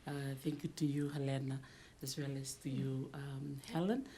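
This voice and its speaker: A woman speaks softly on a video call, with a notably low pitch for a woman. She tells her story as a panelist at an unhurried, pausing pace. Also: fairly even intonation, breathy edge. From Fiji. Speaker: museum studies scholar, panelist. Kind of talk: conversational panel talk.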